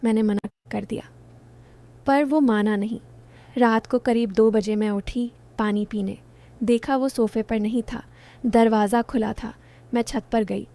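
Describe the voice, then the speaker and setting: A young woman narrating an emotional first-person story in a soft, heartfelt, confiding way. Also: fairly high pitch, fairly even intonation, a little slow.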